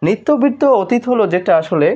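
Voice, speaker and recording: A Bangladeshi Bengali tutor with a notably high voice works through exam questions step by step, stopping often to ask "right?" before moving on. The recording sounds dull and lo-fi, with a muffled top end. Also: male voice, animated, quick pace, darkish tone. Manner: explanatory, asks rhetorical questions and checks with "right?". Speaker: admission test tutor. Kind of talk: exam solution lesson.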